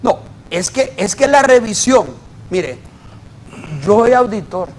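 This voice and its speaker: A man's voice: high voice, lively intonation, takes it slowly, low-quality recording. A man, a guest auditor explaining his point emphatically in an interview, working through examples. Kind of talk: debate in a TV interview.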